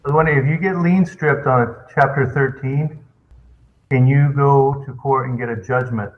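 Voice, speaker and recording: A man's voice: medium pitch, fairly even intonation, normal speed, lo-fi sound, a little hiss or hum. A man calling in on a speakerphone, asking brief, plain questions on a conference call. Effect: phone on speakerphone.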